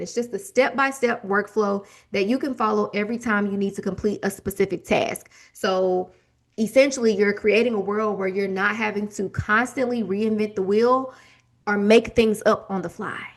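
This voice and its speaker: A young woman, hosting a solo business podcast in a chatty, direct way. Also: mid-range voice. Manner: chatty, direct, addresses listeners as y'all and friends. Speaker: podcast host.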